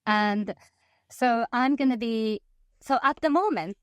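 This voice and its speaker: Somewhat high-pitched and a little slow, this woman from Japan, in her fifties, speaks with a Japanese accent as an enthusiastic interview guest. She frequently laughs and fixes her wording mid-sentence, recorded at studio quality with no echo.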